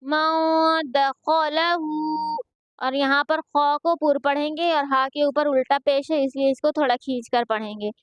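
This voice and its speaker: A woman's voice: sits high, steady tone, moderate pace, no room sound. A woman teaching Quran reading, patiently spelling out letters and syllables, then explaining the rules. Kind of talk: slow spelled-out recitation drills with explanations.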